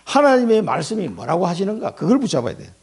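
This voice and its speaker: A male pastor preaches a lively Sunday sermon at a quick pace, acting out quoted lines and asking the congregation questions. His fairly high voice swings widely in pitch and has a gravelly, husky grain.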